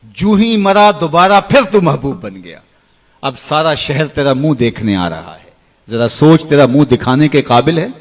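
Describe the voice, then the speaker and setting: A middle-aged male preacher gives an emotional sermon, his voice swinging widely in pitch from soaring cries to hushed lows. He chants verses slowly.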